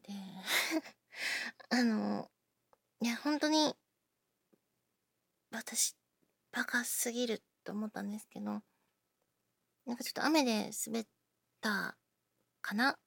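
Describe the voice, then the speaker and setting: A woman chatting casually to her listeners, self-deprecating, often dropping into breathy near-whispers while she talks through an injured shoulder. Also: a little high, slow pace, long pauses, fairly bright tone, dry recording. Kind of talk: casual personal talk to listeners.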